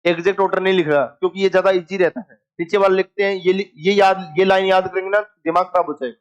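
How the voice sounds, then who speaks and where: A man's voice: high-pitched, fairly even intonation, quick pace, clear, resonant tone, muffled recording. A male chemistry teacher lecturing a class, asking his students questions, answering them himself and joking with them.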